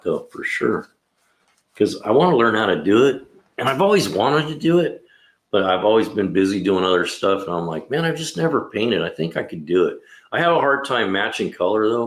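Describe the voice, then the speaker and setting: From his garage, where the sound bounces around, a mechanic in his 60s hosts a livestream in a fairly low, animated voice at normal speed. He's easygoing and rambling, often tossing in "man" and "you know."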